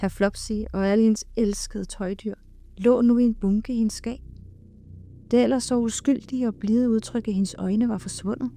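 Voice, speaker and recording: A woman giving a slow, hushed and dramatic scripted horror narration, with sudden loud cries. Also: a little high, steady tone.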